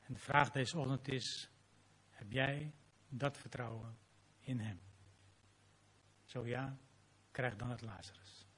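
A man's voice: mid-range voice, steady tone, slow, pauses often, fairly bright tone, breathy edge. A man preaching a sermon as pastor, reading scripture dramatically and closing in prayer.

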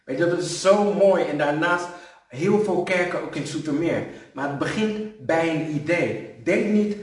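A man giving a sermon, telling personal stories, building up to loud emphasis and dropping to soft, quiet moments. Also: a little high, measured pace. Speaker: preacher. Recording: echoey hall, voice from some distance.

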